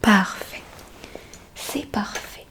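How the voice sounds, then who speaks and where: In an ASMR roleplay, a woman plays a gentle, reassuring hearing examiner, whispering softly and breathily. She draws her words out.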